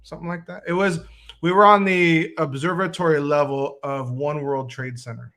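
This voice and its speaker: A man hosting a relaxed live stream, his voice sitting a little high for a man. He chats loosely with his co-host and reads out comments from viewers as they come in. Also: normal speed. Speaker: vlog host. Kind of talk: casual live-stream chat.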